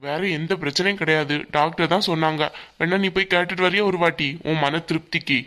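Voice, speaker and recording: A man's voice: fairly high pitch, fairly even intonation, quick pace, bright, forceful tone. A man voicing a husband in a cartoon who scolds in an exasperated way but means well. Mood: firm. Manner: chiding, exasperated. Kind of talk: cartoon voice acting.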